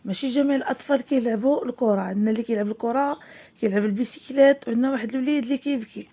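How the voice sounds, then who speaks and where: A woman teacher with a Moroccan accent leads a children's reading lesson. Her voice sits a little high and sounds warm and mellow. She reads each line slowly and clearly, then explains it quickly. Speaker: primary school French teacher.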